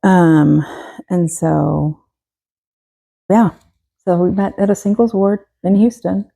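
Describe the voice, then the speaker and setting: A woman in her forties from Texas, a guest telling her story in a relaxed interview, pausing often and restarting. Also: fairly low pitch, creaky, slightly rough, rough recording. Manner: hesitant, many fillers and restarts. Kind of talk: casual interview.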